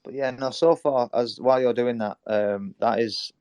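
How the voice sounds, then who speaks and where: A man's voice: medium pitch, moderate pace, a little mellow, clear, resonant tone, no echo. A man from northwest England with a Northern English accent, interviewing in a casual, conversational way.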